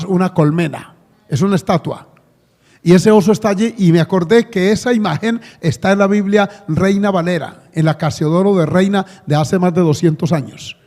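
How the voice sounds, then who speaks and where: A man's voice: sits high, darkish tone. A middle-aged Colombian man preaching a sermon to his congregation, talking conversationally with asides and questions to the listeners. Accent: Colombian Spanish. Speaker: pastor. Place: church hall. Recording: long church hall reverb.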